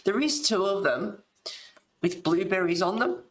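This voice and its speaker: A middle-aged woman with a smoker's rasp chats in a loose, rambling way. She sounds like a casual host talking to her viewers, giggly and informal. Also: mid-range voice, expressive, unhurried, rough recording. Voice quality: raspy smoker's voice with a cough. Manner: rambling, giggly, reading aloud and replying to viewers. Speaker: host of a colouring video. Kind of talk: casual chat to live viewers.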